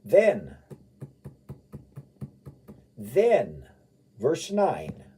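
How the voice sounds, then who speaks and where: A man preaching and teaching the Bible in an informal, folksy, rambling way with emphatic repetition, his husky voice caught in muffled live radio sound. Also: medium pitch, huge pitch swings, very slow, warm tone. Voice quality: husky, gravelly.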